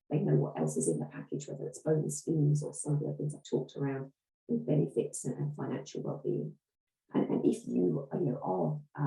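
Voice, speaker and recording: A woman with a croaky, hoarse voice giving an informal advice presentation as an HR consultant. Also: low voice, warm tone, reverberant, far from the mic, poor audio. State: hoarse, struggling voice.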